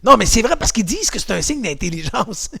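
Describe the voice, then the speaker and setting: A man's voice: high-pitched, big pitch swings, fairly quick, vocal fry, pushed and bright, slightly rough. Upbeat Québécois man leading an exercise class. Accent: Québécois French. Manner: chatty, encouraging, playful. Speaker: exercise and martial arts instructor. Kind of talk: guided home exercise class.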